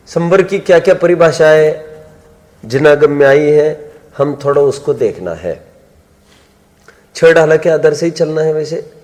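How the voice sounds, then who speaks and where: A man's voice: fairly high pitch, darkish tone. Man teaching scripture in a reverberant hall. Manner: quizzes listeners, chants verses slowly. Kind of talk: scripture lecture to a class.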